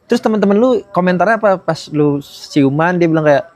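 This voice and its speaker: A woman's voice: lowish voice, lively intonation, a little fast, a little mellow. A woman with a Jakarta accent hosting a casual interview, prompting the guest with short questions and jokes. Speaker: host.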